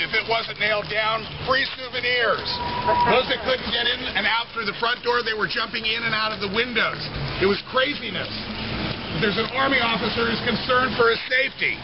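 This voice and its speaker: A high-pitched man leads a ghost tour with theatrical, folksy storytelling. He speaks straight to his listeners outdoors. The recording is dull and lo-fi, with loud street noise around him. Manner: dramatic, folksy, addressing the listeners directly.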